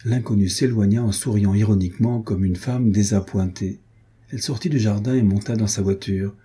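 A man narrating a nineteenth-century novel as an audiobook reader, raising his pitch for the characters' dialogue. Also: normal speed, warm tone, breathy edge.

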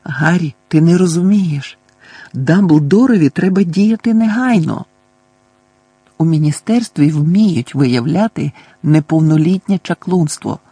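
A fussing, scolding old woman, put on by a man reading the story shrieks in a high, frantic voice. Her tone carries a gravelly, husky grain. The sound is close and dry, with no room around it. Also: unhurried, dark tone, dry recording. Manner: screeching, bossy, fussing.

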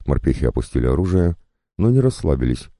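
A man narrating an audiobook in measured, even storytelling. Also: a bass voice, no room sound, clean studio sound. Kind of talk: scripted narration.

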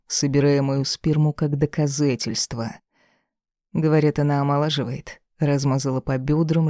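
Male audiobook reader, mellow and steady, close and dry. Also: fairly high pitch, no echo. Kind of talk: first-person romance narration.

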